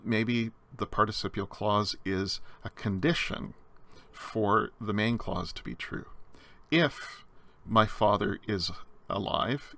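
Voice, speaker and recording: A man's voice: lowish voice, creaky, fairly bright tone. A man giving a recorded slide lecture on Greek grammar, explaining step by step with frequent fillers and restarts.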